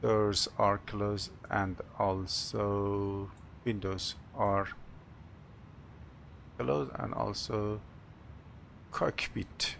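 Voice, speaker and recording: Low, gravelly male pilot, non-native English. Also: steady tone, a bit bright, slight background noise. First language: not English. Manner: halting, procedural, with short clipped phrases. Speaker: airline pilot, captain. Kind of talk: cockpit procedure narration, checklist callouts and announcements.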